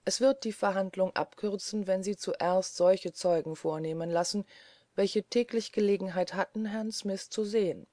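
A reader voicing a stern male judge who speaks in a measured, formal way. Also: medium pitch, fairly even intonation, warm tone, no echo, clean studio sound, natural voice.

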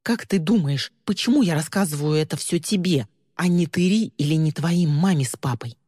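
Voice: mid-range voice, moderate pace, dark tone, husky, no room sound, studio quality, big-room sound, lightly acted. An audiobook reader voicing a level-headed teenage girl who grumbles but speaks firmly to her cousin. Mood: earnest. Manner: grumbling, firm.

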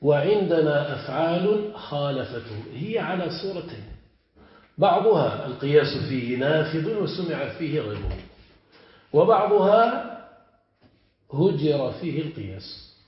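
Male teacher, higher voice, methodical lesson delivery, lo-fi recording. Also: sing-song. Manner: explains step by step, quizzes students with quick checks. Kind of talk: classical Arabic grammar lesson. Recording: echoey, dull lo-fi lecture recording.

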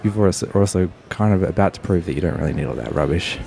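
A man's voice: sits low, fast talker, gravelly, mellow. A man hosting a podcast interview, chatting casually and rambling with lots of fillers. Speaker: podcast host.

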